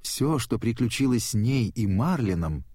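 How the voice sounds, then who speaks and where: A man narrating a children's storybook in a steady, expressive way. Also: medium pitch, moderate pace, slightly rough, no room sound, clean studio sound.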